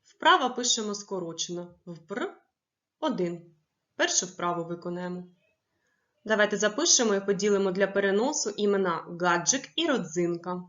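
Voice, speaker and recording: A woman teaching a primary school lesson, stressing each word slowly and clearly for young pupils. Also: mid-range voice, lively intonation, highs cut off. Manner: slow, clearly stressed dictation of words.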